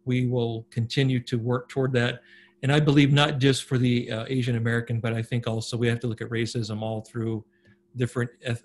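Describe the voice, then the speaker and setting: A man's voice: medium pitch, creaky, a little hiss or hum. A man speaking as an interviewer in an earnest, conversational way. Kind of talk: casual interview talk.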